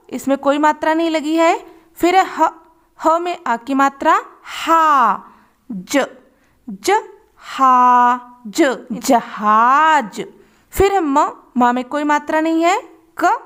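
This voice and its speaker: A woman's voice: high-pitched, a bit bright. A woman teaching children to read, patiently sounding out letters and syllables one by one. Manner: slow, patient, drawing out sounds. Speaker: Hindi reading teacher. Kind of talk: children's phonics lesson.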